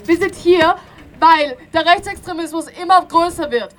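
A young woman speaking at a street rally, heard through a faulty, poor-quality loudspeaker system; she repeats phrases and breaks off to restart. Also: very high-pitched, normal speed, faint music behind. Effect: poor-quality sound from a faulty loudspeaker system. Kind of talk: protest speech at a street demonstration.

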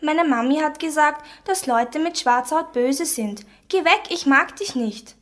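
A woman voicing a stubborn little girl with a high, pouty delivery in a radio story reading. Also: expressive, unhurried, fairly bright tone. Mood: defiant. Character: young girl, defiant then unsure.

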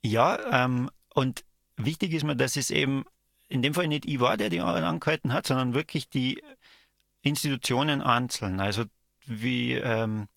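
Man, gravelly mid-pitched voice, halting reflective interview talk, close dry sound. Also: fairly bright tone, dry recording. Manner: halting, searching for words, thoughtful. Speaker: interview guest, artist.

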